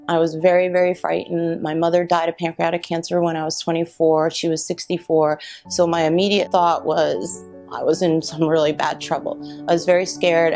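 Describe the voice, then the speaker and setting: A middle-aged woman telling her own cancer survival story, reflective and halting with many pauses. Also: fairly low pitch. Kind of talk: personal testimony. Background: soft guitar music.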